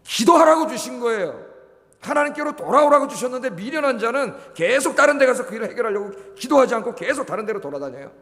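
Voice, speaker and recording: A man's voice: extremely high pitch, big pitch swings, fast talker, fairly bright tone. A middle-aged male pastor preaching at a Friday prayer service, exhorting his congregation with rhetorical questions and prompting them for answers. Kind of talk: sermon. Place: church sanctuary. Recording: long hall reverb.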